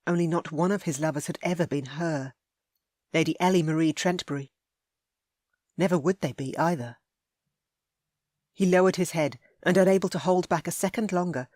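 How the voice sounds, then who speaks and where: Woman audiobook narrator, low and soft, intimate romance read, dry sound. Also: no room sound.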